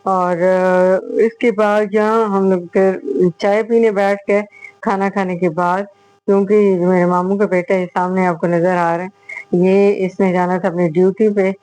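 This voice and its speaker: A middle-aged woman chatting through a voice-over for her home vlog, unhurried, with drawn-out fillers between thoughts, recorded close on a small mic. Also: medium pitch, little pitch movement, darkish tone, no room sound, low-quality recording. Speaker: vlogger, host. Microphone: voice-over on a small clip-on mic.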